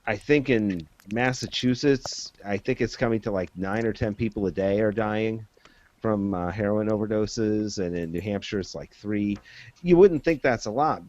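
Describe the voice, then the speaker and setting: This man has a fairly low voice, and the audio sounds dull. He chats casually and at length, using many fillers as he lays out his reasoning step by step.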